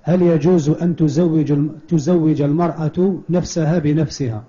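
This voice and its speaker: Very dark-voiced man reading questions aloud. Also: fairly high pitch, steady tone, normal speed. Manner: plain, formulaic reading of questions. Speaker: reader of submitted questions. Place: large mosque. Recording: dull lo-fi mosque recording.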